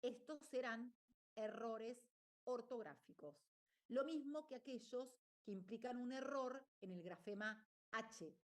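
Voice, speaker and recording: A woman's voice: on the high side, unhurried. A woman teacher, explaining a lesson and often checking in with her listeners. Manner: explanatory, checks in with "¿está bien?". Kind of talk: online lecture.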